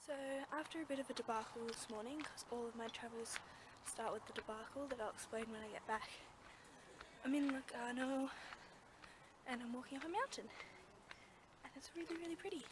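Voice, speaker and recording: A woman's voice: on the high side, brisk, long pauses. A young Australian woman chatting casually to her vlog viewers in an informal, rambling way, often interrupting herself. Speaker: travel vlogger. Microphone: handheld phone. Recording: echoey, noisy handheld phone recording.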